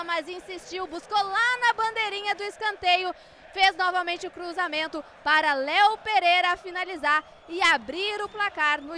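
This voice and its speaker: An excited woman recaps a live football match. Her voice is extremely high and forceful, with emphatic delivery over faint background noise. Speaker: football broadcast reporter.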